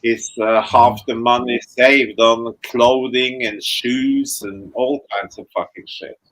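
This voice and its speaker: A man from Norway, mid-pitched, talks in an easygoing, drawn-out way, full of fillers and the odd curse. He is chatting casually with friends on an online video call. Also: fairly even intonation, fairly bright tone, rough recording. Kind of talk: casual group chat.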